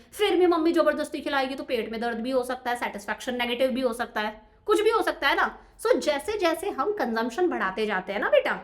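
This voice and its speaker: A young woman with a high, bright voice teaches a class in a lively, chatty way. She keeps talking straight to her students and checks often that they are following. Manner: chatty, addresses students directly with repeated check-ins. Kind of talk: animated classroom lecture.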